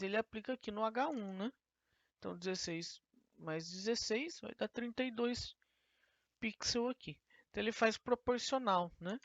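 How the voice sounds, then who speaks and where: A woman teacher talks through a screen-recorded coding lesson, asking herself questions and then answering them. Her voice has a gravelly edge. The sound is dry and dull, like a cheap computer mic. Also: on the high side, no room sound.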